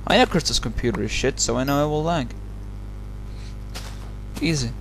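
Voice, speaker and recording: A man chatting during a game with friends, excitable and prone to squealing outbursts. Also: mid-range voice, normal speed. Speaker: game player. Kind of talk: casual gaming chat. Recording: noisy voice chat capture.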